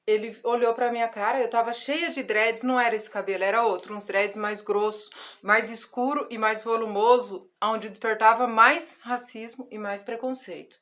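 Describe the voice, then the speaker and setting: Woman in her forties, vlog testimony, somewhat high voice, emotional storytelling. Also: fairly even intonation, moderate pace, few pauses, a bit bright. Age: 40s. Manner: emotional storytelling with quoted dialogue. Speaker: ministry vlogger. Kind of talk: personal testimony.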